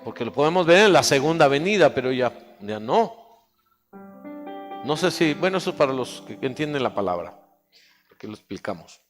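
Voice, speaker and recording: A man's voice: mid-range voice, sing-song, normal speed, long pauses. A male pastor preaching a sermon, calling on the congregation to repeat phrases after him. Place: church hall. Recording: church hall reverb with faint music.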